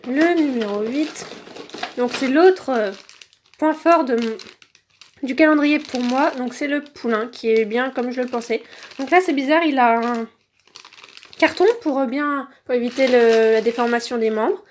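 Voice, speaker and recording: Woman with a high voice unboxing toys, lots of umms, phone mic, crinkly noisy background. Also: measured pace. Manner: chatty, many "donc" and "euh" fillers. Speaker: toy reviewer. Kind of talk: casual unboxing review. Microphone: phone held in one hand.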